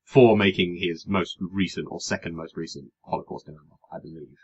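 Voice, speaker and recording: Deep-voiced wry podcast host. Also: male voice, moderate pace, slightly rough, highs cut off. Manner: wry, rambling, with hesitant fillers. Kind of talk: casual political chat.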